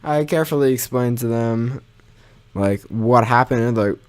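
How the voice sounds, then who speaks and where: Speaking at a moderate pace with a clean tone, a young man of medium pitch shares a personal anecdote as though for his gaming channel. He keeps it casual and relaxed, swears mildly, and makes himself the butt of the joke.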